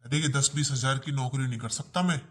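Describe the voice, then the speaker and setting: A woman's voice: a bass voice, steady tone, fairly quick. A woman playing a lazy young husband who shrugs off his wife and boasts about winning big on his phone, in a family drama skit. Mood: dismissive. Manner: dismissive, boastful.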